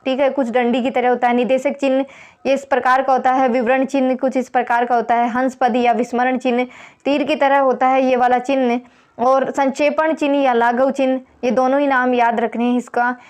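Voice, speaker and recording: A woman's voice: high voice, level tone, darkish tone, smooth. A woman teaching an exam prep lesson, explaining step by step and repeating the key points. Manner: reads examples slowly.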